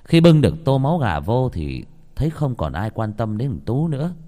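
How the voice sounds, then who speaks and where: A man narrating a scripted horror story, dramatic and expressive. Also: mid-range voice, normal speed. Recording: long hall reverb.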